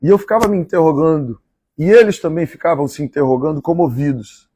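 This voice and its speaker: A man from Minas Gerais with a Mineiro Brazilian accent, reading a novel aloud on a live stream and pausing for chatty asides. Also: a little high, dark tone, breathy edge, no echo. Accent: Mineiro Brazilian Portuguese. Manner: measured, repeats favorite lines and chats between passages.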